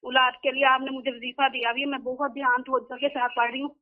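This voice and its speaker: Woman caller, pretty high voice, crackly tinny phone line, earnest and pleading. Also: little pitch movement, quick pace. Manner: earnest and pleading, repeating herself. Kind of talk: phone-in call to a spiritual guide.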